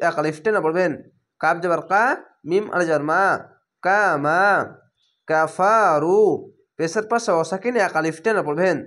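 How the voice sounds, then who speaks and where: A man with a Bengali accent teaching Quran reading, spelling out syllables slowly and drawing out the vowels. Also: high voice, fairly bright tone. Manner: slow, syllable by syllable, drawn-out vowels. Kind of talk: slow spelled-out recitation lesson.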